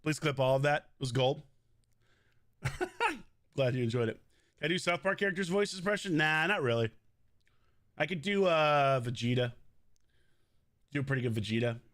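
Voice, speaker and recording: A man's voice: on the high side, normal speed, pauses often, no echo, studio quality. A man live-streaming a game, chatting casually with his viewers, joking and cursing as he plays. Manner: animated, profane, joking banter with chat.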